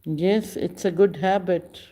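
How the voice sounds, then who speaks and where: A woman, chatting casually with viewers on a livestream in slow, halting speech with many pauses. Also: lowish voice, steady tone, dark tone. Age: 50s. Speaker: livestream host. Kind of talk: casual live chat with viewers.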